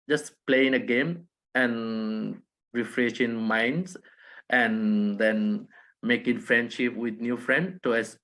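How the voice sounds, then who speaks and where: A Rohingya man from a Bangladesh refugee camp, speaking as a panelist in a halting way with many restarts. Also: mid-range voice, fairly bright tone. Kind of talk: online panel talk.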